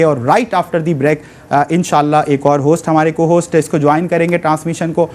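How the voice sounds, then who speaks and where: A man's voice: on the high side, darkish tone. Earnest male telethon host. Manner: earnest, religious phrases, mixes in English. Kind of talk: charity appeal.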